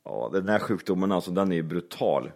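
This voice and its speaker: A young man trading crude jokes with friends. His voice swings up and down in lively, animated talk. He laughs often and talks loosely. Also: deep voice, vocal fry. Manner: laughs a lot, crude and joking. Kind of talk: casual crude banter.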